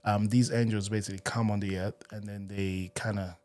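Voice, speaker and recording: Young male podcast guest from Ghana, low voice, relaxed storyteller. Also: a little fast. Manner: laid-back, storytelling, laughs often. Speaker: podcast guest, singer and worship leader. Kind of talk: casual interview chat.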